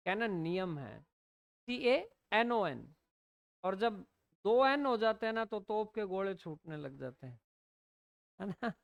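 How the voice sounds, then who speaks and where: A woman teaching at a very slow, deliberate pace, spelling words out and repeatedly checking that her students are following. Her voice is smooth and clear, recorded dry with no room sound. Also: medium pitch, lively intonation, no room sound. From India. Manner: explains slowly, often asks "है ना?" to check understanding; spells out words letter by letter and drills the pronunciation. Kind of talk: classroom lesson in Hindi mixed with English.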